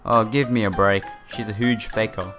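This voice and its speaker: Over game music, a gaming YouTuber plays through a visual novel in a casual let's play, reading the text aloud, adding side comments and stumbling over some words. His voice is lowish and steady at a moderate pace.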